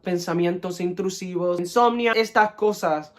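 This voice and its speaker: A man's voice: high voice, measured pace, fairly bright tone. A man giving an earnest, emotional personal faith testimony, slipping English words into his speech.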